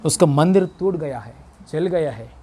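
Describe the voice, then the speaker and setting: A pastor preaching a Good Friday sermon, questioning the congregation and repeating phrases for emphasis. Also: male voice, a little high, animated, moderate pace, mellow. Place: church service.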